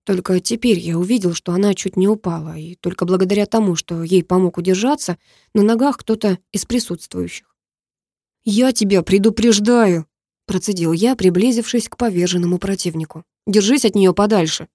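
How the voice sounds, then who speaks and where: A woman reads a first-person story aloud in a measured, intimate manner. Her voice is mellow and warm. The recording is dry and close, with no room sound. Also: on the low side, no echo. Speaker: audiobook narrator.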